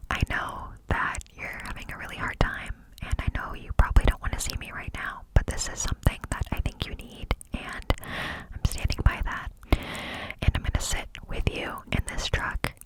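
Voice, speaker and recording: A woman's voice: normal speed, rough recording. A woman ASMR host telling a personal story in a confiding, candid, cupped-hand whisper, close up.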